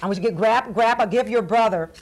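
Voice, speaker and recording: High-pitched cheerful clown woman. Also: fast talker, close to an everyday voice. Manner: sing-song, coaxing, addressing children. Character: cheerful female clown craft teacher. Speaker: arts and crafts host. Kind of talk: children's TV craft lesson.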